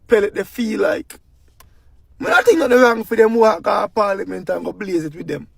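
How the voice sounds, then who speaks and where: A Jamaican man rants through political commentary in thick patois, firing off rhetorical questions. His voice sits high and carries a gravelly rasp. The sound is dry, with no room echo. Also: animated, moderate pace.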